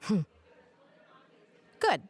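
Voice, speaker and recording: An actress playing a blunt, sarcastic young woman in an audio drama, talking dry, direct and teasing. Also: very slow. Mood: earnest. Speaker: [name].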